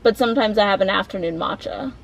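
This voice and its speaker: A woman's voice: medium pitch, fast talker, gravelly, a little hiss or hum, rough recording. A woman vlogger chatting casually, full of "like" fillers. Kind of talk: casual chat.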